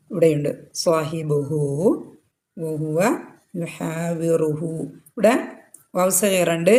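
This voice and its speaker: Woman teaching tajweed, slow chanted recitation. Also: on the low side, a little mellow. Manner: explains step by step, asks and answers own questions. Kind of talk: tajweed lesson.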